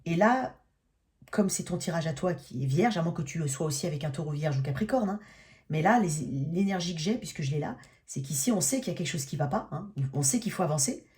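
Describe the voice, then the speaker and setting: A woman's voice: fairly low pitch, lively intonation, brisk, a little mellow. A woman giving a casual tarot reading, talking in a hesitant, searching way with many restarts and a frequent "hein". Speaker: tarot reader.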